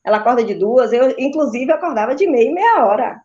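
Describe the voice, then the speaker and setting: A woman's voice: a little high, lively intonation, brisk, a little mellow. A woman with a Brazilian Portuguese accent, a sleep consultant giving didactic answers in an interview and often checking in with tag questions. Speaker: maternal and child sleep consultant. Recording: dull, lo-fi video call audio.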